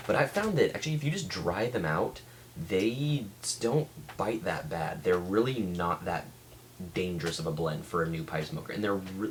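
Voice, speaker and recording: A man giving a casual, rambling product review as a vlog reviewer, speaking haltingly and often restarting his sentences. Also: low-pitched, a little hiss or hum. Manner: halting, with many restarts and trailing thoughts. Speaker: pipe tobacco reviewer.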